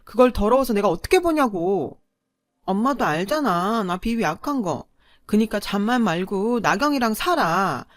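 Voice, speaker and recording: A woman's voice: mid-range voice, animated, normal speed, no room sound, studio quality, natural voice. A woman voicing a spoiled, selfish older sister who talks in a whiny, dismissive way.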